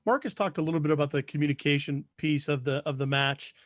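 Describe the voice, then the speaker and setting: Hesitant higher-voiced male sports reporter. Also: fast, dry recording. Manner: hesitant, restarting questions. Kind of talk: press conference question.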